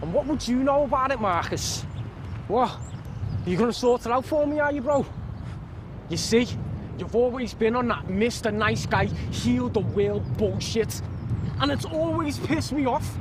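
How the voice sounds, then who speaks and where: Actor as shrill, furious young street criminal, sneering, traffic noise behind. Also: male voice, animated, a little slow. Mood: angry taunting. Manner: taunting, aggressive. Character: angry young male street criminal, bitter. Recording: noisy street scene with traffic.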